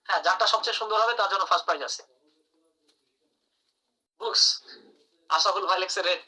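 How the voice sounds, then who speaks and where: A man's voice: high-pitched, a little fast, bright, forceful tone, slightly rough, far from the mic, rough recording. A man teaching English grammar in a live online class, calling on students by name and praising their answers.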